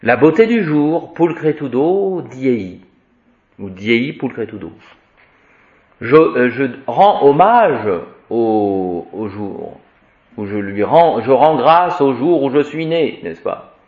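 A man's voice: mid-range voice, sing-song, takes it slowly, a little mellow, highs cut off. A man teaching Latin grammar, reciting word endings in a repetitive sing-song and explaining each form. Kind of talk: spoken grammar lesson.

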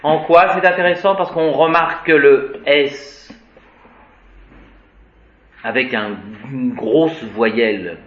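Slow, playful man teaching Latin. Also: mid-range voice. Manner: recites declensions in a sing-song, playful and digressive. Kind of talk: classroom lecture. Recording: dull, echoey room with faint noise.

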